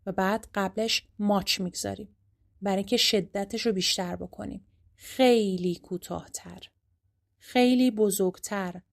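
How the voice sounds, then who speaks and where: Teaching an English grammar lesson, a woman with a Persian accent explains things quickly, then reads the English examples slowly and clearly. Her pitch is medium and her intonation fairly even.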